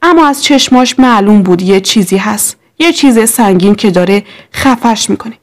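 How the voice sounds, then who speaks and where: A woman telling a dramatic first-person story as scripted narration in a measured way. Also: mid-range voice, expressive.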